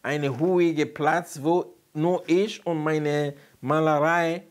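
A man from Nigeria with a Nigerian accent, a barber and painter, answering interview questions in halting German and searching for words. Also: a little high, steady tone.

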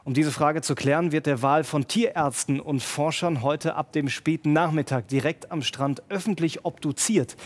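A man presenting regional TV news in a brisk, clear newsreader manner. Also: fairly high pitch, a little hiss or hum. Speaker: news anchor.

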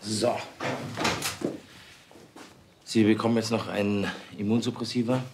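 An actor playing a reassuring, measured, professional male surgeon in a naturalistic TV drama. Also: lowish voice, little pitch movement, noisy background.

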